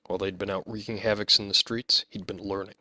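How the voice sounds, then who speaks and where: A man narrating his own fantasy novel as an audiobook, reading in a measured storytelling manner. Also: fairly low pitch, little pitch movement, pushed and bright, no echo.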